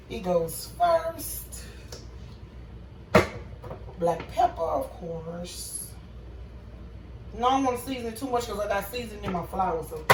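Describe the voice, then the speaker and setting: A woman with a slightly high voice hosts a casual cooking vlog in her home kitchen, chatting to viewers and calling them y'all. It's filmed on a phone camera held at a distance, so the kitchen sounds echoey and the background is noisy.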